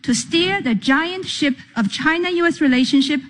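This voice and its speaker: A woman interpreter giving a formal translation voice-over of a speech in a measured delivery. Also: high-pitched, expressive, fairly bright tone.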